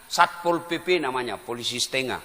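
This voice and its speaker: A man's voice: medium pitch, animated, fairly quick, pushed and bright. A man giving a humorous sermon at an Islamic boarding school, exclaiming and laughing at his own jokes. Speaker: preacher. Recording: reverberant hall.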